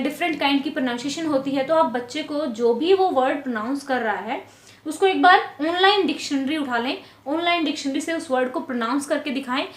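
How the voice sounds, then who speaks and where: High-voiced woman teacher, echoey room. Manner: patient, repeats words slowly syllable by syllable. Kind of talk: explaining lesson to parents.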